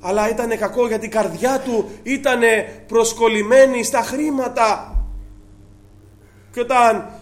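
High-voiced Greek preacher man. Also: steady tone, faint music behind. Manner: earnest preaching with rhetorical questions and quoted scripture. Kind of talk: sermon.

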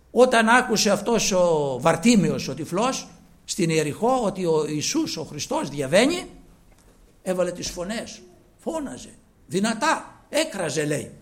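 A man preaching a sermon with passion, calling his listeners brothers, moving from loud emphasis to near whispers. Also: high voice.

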